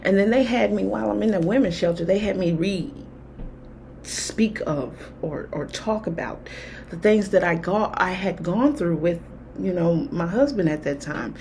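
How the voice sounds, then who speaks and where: A woman's voice: on the low side, moderate pace, vocal fry, a little mellow, slight background noise. A woman talking candidly to camera in a rambling, casual way, full of fillers. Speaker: spiritual vlogger. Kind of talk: casual personal talk to camera.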